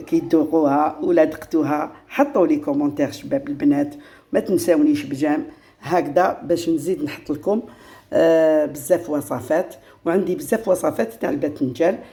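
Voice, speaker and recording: A woman with an Algerian Arabic accent talks viewers through a home recipe, chatty and repetitive. Her voice is low and mellow. She sounds roomy and echoey in her kitchen, with faint noise behind her. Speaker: home cooking channel host. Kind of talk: casual step-by-step cooking demonstration.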